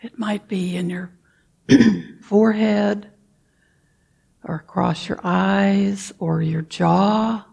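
A woman guides a meditation in a slow, unhurried, soft-spoken way, often clearing her throat. Her voice is low, dark and gravelly, with a husky edge. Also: fairly even intonation. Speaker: meditation teacher.

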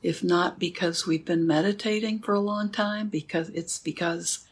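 A woman leading a guided meditation as a teacher, speaking calmly and gently with unhurried pauses. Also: lowish voice, husky.

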